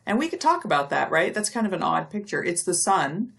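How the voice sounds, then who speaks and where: A middle-aged woman giving a recorded lecture, explaining step by step and stretching out speech sounds slowly to demonstrate them. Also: fairly low pitch, big pitch swings, vocal fry, a bit bright. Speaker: university lecturer.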